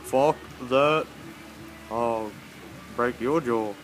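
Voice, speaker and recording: A man's voice: mid-range voice, normal speed, fairly bright tone, a little hiss or hum, lightly acted, poor audio. A man voicing a blunt, dismissive street tough in a silly comic redub, speaking curtly. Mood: dismissive, threatening. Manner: curt, blunt. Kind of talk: silly mismatched comic redub of distant people.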